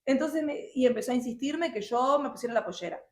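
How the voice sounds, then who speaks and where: A young woman telling her personal testimony in a halting, emotional way with many restarts. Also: high voice. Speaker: guest sharing her testimony. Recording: roomy echo.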